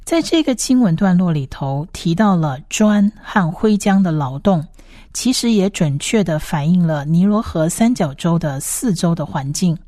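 A woman teaching a Bible study lecture, explaining passages in a steady way and reading scripture aloud. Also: on the low side, normal speed, dry recording, studio quality.

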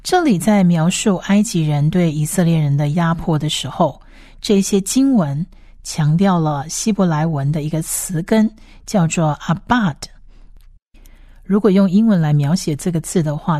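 A woman talks through a Bible study passage by passage, in a steady explanatory manner. Her voice sits a little low for a woman. The recording is dry, with no room sound. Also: no echo. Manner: steady explanatory reading, reads scripture aloud. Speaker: Bible teacher. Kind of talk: scripted Bible study lecture.

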